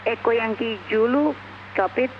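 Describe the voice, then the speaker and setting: An air traffic controller heard over an aircraft's headset radio, giving clearances in clipped, procedural phrasing. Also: mid-range voice. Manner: measured, procedural. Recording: muffled radio with engine noise.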